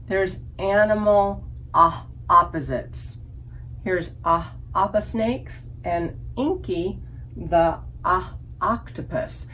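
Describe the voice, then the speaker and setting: A woman's fairly low, fairly bright voice moves slowly as she leads young children through an online story time as a librarian. There's a little hiss or hum in the recording. She keeps her instructions simple, asks questions, and the lesson includes songs.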